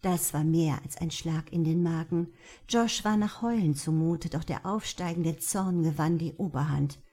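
A woman narrating a novel in a steady, even audiobook reading. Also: sits low, measured pace. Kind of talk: scripted narration.

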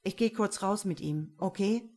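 A woman's voice: mid-range voice, normal speed, a little mellow, lightly acted. A woman reading an audiobook, voicing a tense young man who sees ghosts. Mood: uneasy.

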